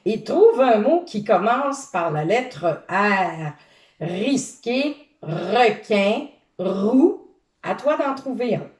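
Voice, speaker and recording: A woman reading a children's picture book aloud, pausing to ask her young listeners questions. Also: mid-range voice. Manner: slow, animated, quizzes young listeners. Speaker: storyteller for children. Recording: roomy, distant from the mic.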